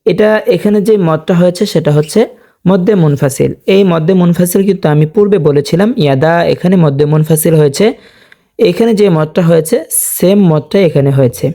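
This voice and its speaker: Gravelly-voiced man teaching Quran reading. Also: fairly high pitch, mellow. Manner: slow drawn-out recitation of verses between explanations; addresses viewers directly, asks and answers own questions. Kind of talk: spelling-out Quran reading lesson.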